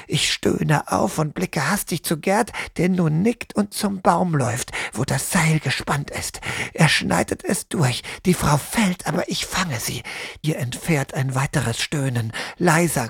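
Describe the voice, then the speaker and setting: A man narrating a first-person story in a measured, sombre audiobook manner. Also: fairly high pitch, gravelly, a bit bright, breathy edge, dry recording, clean studio sound.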